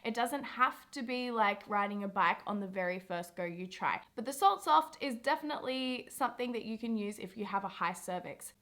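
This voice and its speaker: A woman's voice: mid-range voice, normal speed, few pauses, fairly bright tone. A young woman hosting a casual review vlog, chatty and encouraging, with frequent "like" fillers. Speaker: women's health video host.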